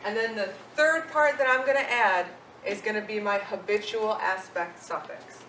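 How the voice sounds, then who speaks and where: A woman's voice: mid-range voice, normal speed, fairly bright tone, slight background noise. A woman teaching a language lesson, patient and checking in with her learners. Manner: patient, asks questions and checks in with "okay?". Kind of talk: classroom-style language lesson. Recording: roomy, echoey sound from a distant mic.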